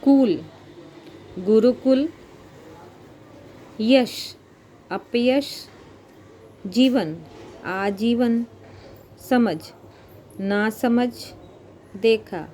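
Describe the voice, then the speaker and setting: A woman teacher giving a grammar lesson, slowly spelling out words piece by piece and repeating them for her students. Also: on the high side, dark tone, slight background noise. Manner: slow, spelling out words syllable by syllable.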